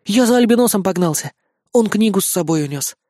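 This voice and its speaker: A man voicing a sly little boy mouse scout with a squeaky, wheedling voice for a children's fantasy audiobook. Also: lively intonation, mellow, no room sound, clean studio sound. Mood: reporting. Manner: squeaky, wheedling pleading and fast-talking boasts.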